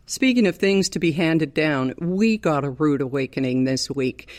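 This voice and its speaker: A woman's voice: low-pitched, expressive, moderate pace, darkish tone. An older woman with a Canadian accent chats casually as a podcast co-host, recording with a towel over her head in a hotel room. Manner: chatty, laughs easily. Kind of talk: casual chat. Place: hotel room, under a towel with pillows behind the mic.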